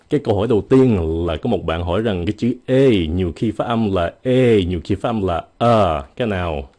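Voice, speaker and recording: A man with a low, mellow voice teaches English pronunciation in a relaxed video lesson. His first language is Vietnamese, and he draws each model word out slowly so it can be copied. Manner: slow, drawn-out model words.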